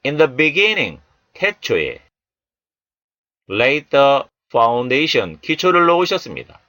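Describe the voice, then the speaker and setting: A man teaching English Bible verses and pronunciation, saying each word slowly and more than once before explaining it. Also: mid-range voice, pushed and bright, no echo. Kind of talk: slow, deliberate pronunciation lesson.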